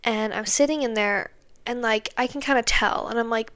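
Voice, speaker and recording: A woman's voice: a little high, moderate pace, a bit bright, clear, resonant tone. Exasperated young woman venting casually. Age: young adult. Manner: venting, exasperated, heavy on fillers like "like" and "okay". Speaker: podcast host. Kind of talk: casual monologue.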